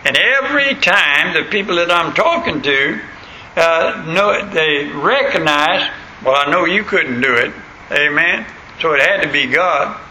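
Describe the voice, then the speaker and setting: Bright, forceful rural American country preacher man. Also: a little high, lively intonation, unhurried. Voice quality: country voice, plain untrained diction. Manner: folksy, punctuates points with questions to listeners. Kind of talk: sermon with anecdotes and scripture reading. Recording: clearly noisy recording.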